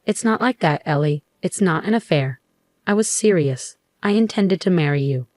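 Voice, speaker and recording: A woman reads out a flustered husband caught cheating, stumbling over his words as he makes excuses. The voice sits low and sounds close and dry. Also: lively intonation, moderate pace, darkish tone, dry recording, natural voice. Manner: stammering, defensive.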